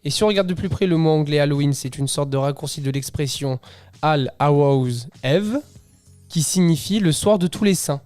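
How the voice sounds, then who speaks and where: A man's voice: on the high side, moderate pace, darkish tone, dry recording, soft background music. A young man, a student co-presenter, explaining a topic on a radio show and asking questions. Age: young adult. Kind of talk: casual radio chat. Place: radio studio.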